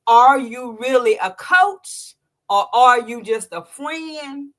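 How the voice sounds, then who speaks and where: Speaking slowly, a podcast host in her sixties offers emotional testimony about something personal during an interview. She brings quotes to life with sharp jumps in pitch, and sinks into a soft, low voice in the tender parts.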